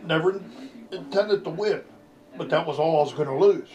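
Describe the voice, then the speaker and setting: A man's voice: fairly high pitch, moderate pace, noisy background. An older man with a grandpa voice tells a casual, rambling family anecdote in a folksy, salty way. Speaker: grandfather telling family stories.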